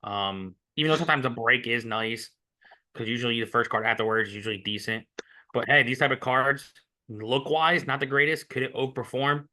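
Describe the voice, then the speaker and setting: A man's voice: medium pitch, a little fast, pushed and bright. A man co-hosting a sports betting podcast, talking in a rambling, opinionated casual way. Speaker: podcast co-host.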